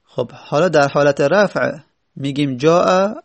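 A man's voice: a little high, vocal fry. A man teaching Arabic grammar in a seminary-style lecture. He reads short Arabic phrases, then explains and repeats them.

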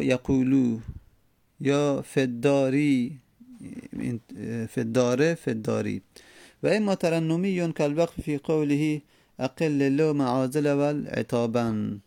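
Male grammar teacher, gravelly voice, dry close sound, patient step-by-step explanation with hesitations. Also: medium pitch, dark tone, dry recording. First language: Persian. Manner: explains step by step, repeating forms, many hesitations. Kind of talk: Arabic grammar lesson.

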